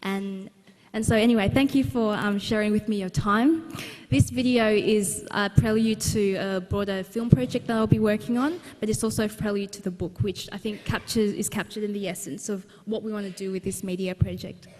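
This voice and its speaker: A young adult woman from Australia, an author at a book launch, tells a personal story in an earnest, conversational way with lots of restarts. Her voice is mid-range and darkish, fairly even in intonation, at normal speed with hardly any pauses, and slight background noise is present. The large exhibition centre hall gives the recording a long reverb.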